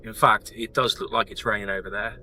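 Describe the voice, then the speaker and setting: Bright-voiced man chatting while driving. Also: lowish voice, steady tone, brisk, slight background noise, rough recording. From Shropshire, England. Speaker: vlogger. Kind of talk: casual travel vlog. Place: inside a moving van.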